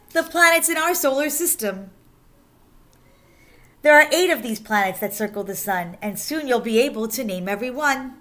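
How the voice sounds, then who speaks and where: With a high-pitched voice, a woman teacher brings a rhyming children's picture book to life, reading it in an animated, sing-song style and stressing key words.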